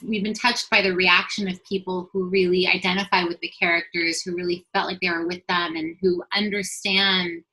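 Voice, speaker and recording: A woman's voice: on the low side, rough recording. A young adult woman from Los Angeles, a writer and producer, speaking thoughtfully and earnestly in an interview. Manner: thoughtful, earnest, fluent with soft fillers. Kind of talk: casual interview answers.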